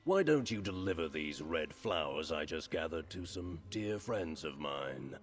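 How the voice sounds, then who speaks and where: A man with an extremely low, animated voice speaks unhurriedly as a chatty crime lord in a fantasy video game. He sounds slyly menacing and falsely courteous, insinuating and bargaining, with background music playing.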